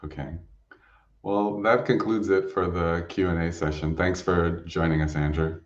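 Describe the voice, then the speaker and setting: A man's voice: low voice, fairly even intonation, a little slow. A man hosting a technical question session, reading out questions and introducing speakers. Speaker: session host and moderator. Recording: distant, echoey, slightly dull microphone.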